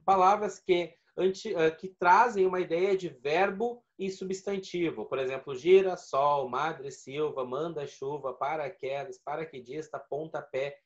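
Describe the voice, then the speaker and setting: A man's voice: fairly high pitch, measured pace, hardly any pauses, dull audio. A man teaching a video lesson, explaining rules step by step and repeating key points. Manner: explanatory, repeats points and counts syllables aloud.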